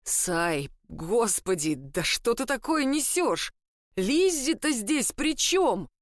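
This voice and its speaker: A woman's voice: medium pitch, big pitch swings, slow, no room sound, clean studio sound. A woman voicing a worried young man who urgently pleads with his friend to stop. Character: anxious young man trying to calm a friend.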